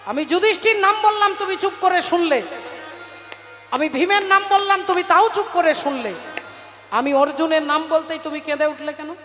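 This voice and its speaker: A woman's voice: very high-pitched, normal speed, a bit bright. A woman voicing an insistent young prince who questions his mother, in an echoey hall with music behind.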